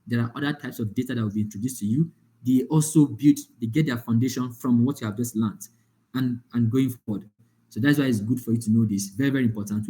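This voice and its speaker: A man's voice: medium pitch, dark tone. A man teaching a live online data analytics class, explaining with examples and often checking that the class follows. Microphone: online call.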